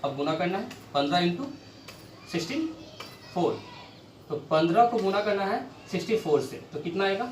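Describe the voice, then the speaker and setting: A man's voice: high voice, animated, moderate pace, long pauses. Male maths teacher, board lesson, asks and answers himself, echoey room, mic at a distance, faint hiss.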